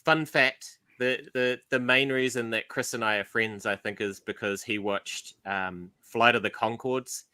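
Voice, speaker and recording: A man's voice: mid-range voice, fairly even intonation, measured pace, hardly any pauses, pushed and bright, clean tone, dry recording. Jokey middle-aged New Zealand man. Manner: joking, chatty. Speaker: livestream host. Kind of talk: casual chat.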